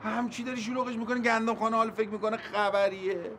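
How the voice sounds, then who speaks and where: A pushy middle-aged landlord, sweet-talking, higher voice, noisy background. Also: male voice, fairly even intonation, fairly bright tone. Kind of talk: TV drama acting.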